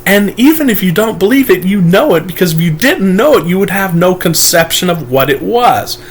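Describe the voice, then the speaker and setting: Emphatic man coaching viewers, slightly high voice. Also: lively intonation, moderate pace, a little hiss or hum. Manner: emphatic, preachy, addresses viewers as "guys". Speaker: manifestation coach. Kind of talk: motivational monologue to camera.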